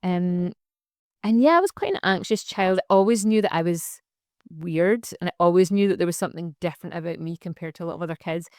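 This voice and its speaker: A woman's voice: on the low side, expressive, fairly quick, darkish tone, no room sound, studio quality. A young adult woman, a social enterprise founder talking reflectively in a casual interview, with plenty of fillers and restarts. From Scotland.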